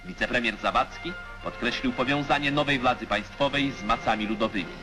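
A man's voice: mid-range voice, fairly quick. A man giving formal, declamatory narration for an old 1950s newsreel. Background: music.

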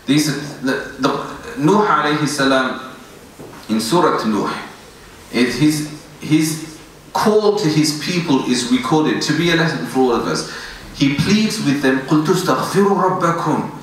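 A man's voice: on the high side, lively intonation, fairly quick, slight background noise. A man in his thirties giving an earnest, pleading sermon, reciting verses in Arabic between explanations. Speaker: imam giving a Friday sermon. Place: indoor prayer room with woven screen backdrop. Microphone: stand mic near mouth. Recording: echoey room, voice a bit distant.

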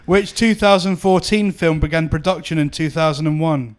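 Brisk male quizmaster with a smooth voice. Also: on the high side. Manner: brisk, matter-of-fact. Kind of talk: reading quiz questions.

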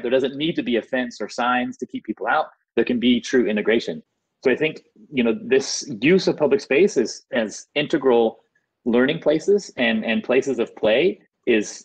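A man in his forties from the United States, speaking on a webinar panel over a video call in a relaxed, conversational way with frequent "you know". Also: mid-range voice, breathy edge, poor audio. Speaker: panelist, urban design expert. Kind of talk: webinar talk. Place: indoors, plain room. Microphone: earbuds on video call.

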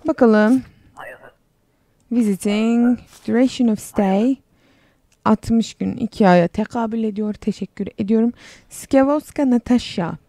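Young woman chatting through a game, sarcastic, reads stuff out loud, warm mellow tone. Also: fairly high pitch, a little slow, no echo. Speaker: game streamer. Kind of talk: casual gameplay commentary.

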